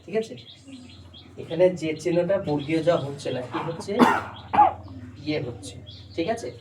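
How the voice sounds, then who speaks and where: Speaking at normal speed in a medium-pitched, darkish voice, a spoken English teacher works patiently through phonics, often questioning the learner to make sure they follow. The mic is distant, and there's faint noise in the background.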